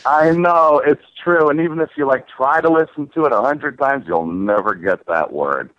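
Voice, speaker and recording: A man with an announcer-like voice and clear diction, talking conversationally as a singer being interviewed. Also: medium pitch, animated, moderate pace, dry recording. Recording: narrow phone-like line.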